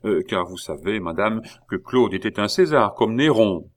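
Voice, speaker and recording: A man voicing a calm, ironic king in an audiobook reading, humming and drawling before his lines. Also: fairly low pitch, moderate pace, lightly acted. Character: King Louis XVI, calm, dry, ironic middle-aged man.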